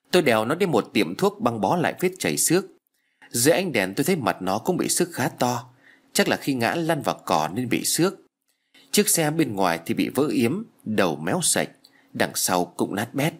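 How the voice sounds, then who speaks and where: A man's voice: medium pitch, husky. A man narrating a first-person story as an audiobook reader. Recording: faint background music.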